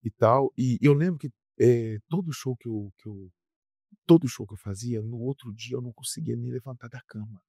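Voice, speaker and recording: A man of ordinary pitch tells his stories in a loose, animated way, circling back with fillers and repeated words. He sounds like a rock singer chatting as a podcast guest. The recording is close and dry, with no room sound. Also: normal speed, no room sound. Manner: animated, repetitive storyteller with frequent fillers. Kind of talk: casual storytelling interview.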